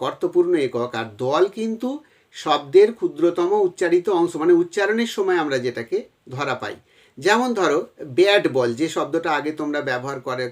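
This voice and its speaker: A man teaching a grammar lesson to exam students, explaining step by step and addressing them directly, with a West Bengal Bengali accent. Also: on the high side.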